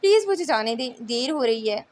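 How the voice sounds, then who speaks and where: A woman's voice: fairly high pitch, expressive, brisk, a little hiss or hum, pitched below the performer's own voice, natural voice. A woman reading the lines of a headstrong young woman who impatiently brushes off her mother, in an audiobook novel. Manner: impatient, dismissive.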